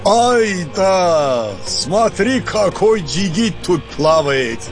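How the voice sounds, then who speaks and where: A man doing a slow, sing-song skipper, raised and lively. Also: fairly high pitch, soft background music, pitched above the performer's own voice. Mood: excited. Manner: slow, drawn-out, ends phrases with a questioning "da?". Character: big cheerful good-natured man, boat skipper. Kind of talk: audiobook character voice.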